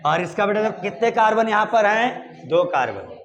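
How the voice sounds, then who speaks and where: A man's voice: high voice, very animated, normal speed, fairly bright tone, slight background noise. A man teaching chemistry in a classroom lecture, coaxing his students with questions as he goes. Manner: coaxing, asks students questions and calls them "beta".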